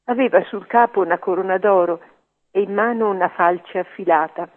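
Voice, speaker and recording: A man reading a scripture passage aloud in a solemn, measured way. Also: sits high. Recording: tinny radio line.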